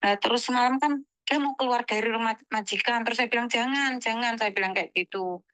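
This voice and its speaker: Earnest woman caller, bright clipped voice. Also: on the high side, steady tone, fast, no echo, rough recording. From Indonesia. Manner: earnest, retells others' words in short quoted bursts. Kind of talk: phone call telling a complaint.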